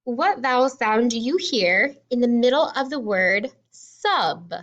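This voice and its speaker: A woman teaching a remote phonics lesson to young children, sounding out letters and words slowly and clearly. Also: a little high, animated, fairly bright tone, muffled recording. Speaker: kindergarten teacher.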